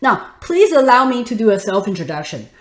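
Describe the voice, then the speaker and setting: A woman's voice: fairly high pitch, very animated, brisk, roomy sound. A woman in her thirties from Taiwan, a native Mandarin speaker with a Taiwanese Mandarin accent, hosting an online webinar and speaking straight to her audience. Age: 30s. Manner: instructive, addresses the audience directly. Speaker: webinar host.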